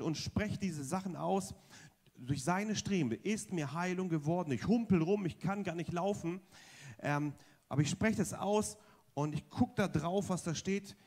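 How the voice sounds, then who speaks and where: A man preaches in a church service, his voice leaping high on one phrase and dropping low on the next. He builds his testimony through repetition and strong contrasts. His pitch moves very freely across the whole sermon. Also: darkish tone. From Germany. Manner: emphatic, rising and falling contrasts, repeats phrases.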